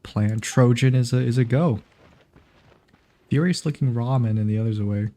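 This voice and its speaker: A man's voice: medium pitch, moderate pace, dark tone. Joking man doing casual gameplay commentary. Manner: joking, reactive. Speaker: game streamer.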